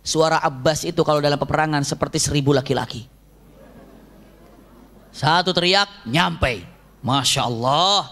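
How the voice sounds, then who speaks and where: A male Islamic preacher, telling a story in a religious lecture, animated and asking his listeners questions. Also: a little high, moderate pace, pauses often. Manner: animated, acts out shouted quotes, asks the audience questions.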